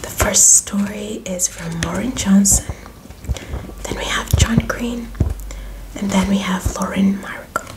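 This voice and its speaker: A young woman in a whispered role-play as a friendly, helpful librarian, speaking in a soft library whisper. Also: medium pitch, measured pace, poor audio. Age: young adult. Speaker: ASMR performer playing a librarian. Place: small indoor room with bookshelves.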